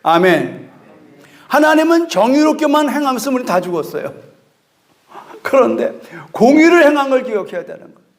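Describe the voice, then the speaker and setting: A man's voice: very high-pitched, very animated, normal speed, long pauses. A man preaching a sermon as pastor, telling a story with acted dialogue and calling out to the congregation. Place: church sanctuary.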